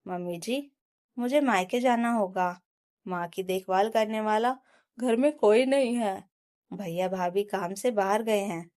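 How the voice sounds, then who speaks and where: A woman's voice: mid-range voice, unhurried, a little mellow, close to an everyday voice. A woman voicing a young put-upon daughter-in-law. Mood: pleading. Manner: pleading, then standing her ground.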